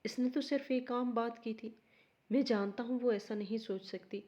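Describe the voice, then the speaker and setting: A woman's voice: on the high side, dark tone, lo-fi sound, voice pushed up, lightly acted. A torn young husband, read by a woman.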